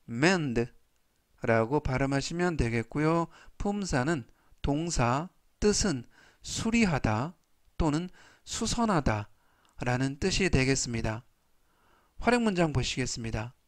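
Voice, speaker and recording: A man teaching English vocabulary in a formal, polite way, saying each word slowly three times. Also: medium pitch, no room sound, clean studio sound. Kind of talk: slow scripted vocabulary lesson.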